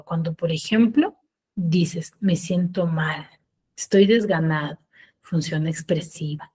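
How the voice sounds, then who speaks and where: A woman teacher giving an online class, explaining step by step and often checking with quick tag questions. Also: lowish voice, darkish tone, breathy edge. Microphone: video call.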